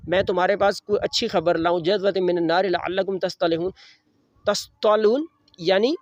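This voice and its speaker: High-voiced man teaching a religious lesson. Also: steady tone, no room sound, highs cut off. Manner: recites Arabic verses slowly, then explains them in Urdu. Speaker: Quran teacher. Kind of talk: religious lesson with Arabic recitation and Urdu explanation.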